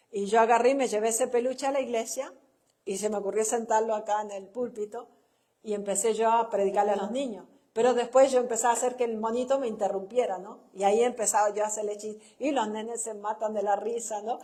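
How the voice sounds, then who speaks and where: A woman's voice: a little high, fairly even intonation, brisk, mellow. A middle-aged woman with a Chilean accent, a pastor's wife giving a conversational sermon through personal stories, often tagging her sentences with a questioning "no?". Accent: Chilean Spanish. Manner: anecdotal, tags sentences with "¿no?", laughs at own stories. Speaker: pastor's wife and church speaker.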